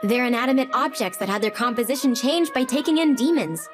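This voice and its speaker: An actress voicing a brash, tough young woman fighter who talks in a blunt, sarcastic and rough way in an anime dub. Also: on the high side, animated, quick pace, close to an everyday voice. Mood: scornful. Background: background music.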